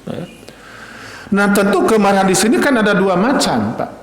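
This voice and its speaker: A man's voice: sits high, very animated, normal speed. A man preaching a sermon on hadith, often addressing listeners as "Pak" and answering his own questions. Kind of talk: sermon teaching hadith to a congregation. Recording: echoey hall with long reverb and faint noise.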